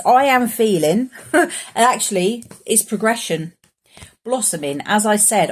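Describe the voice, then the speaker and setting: A woman chatting casually in a spiritual vlog and pulling oracle cards, rambling with fillers and restarts. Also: medium pitch. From United Kingdom. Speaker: spiritual oracle card reader.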